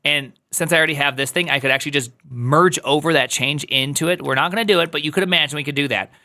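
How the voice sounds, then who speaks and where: A man with a bright, forceful voice pitched a little high leads a live coding walkthrough. He talks through each command as he types, tossing playful asides to his viewers and jumping even higher when he teases. Keyboard clatter sits behind him. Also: fast talker. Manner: playful, joking asides to chat, jumps high when teasing. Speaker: coding instructor.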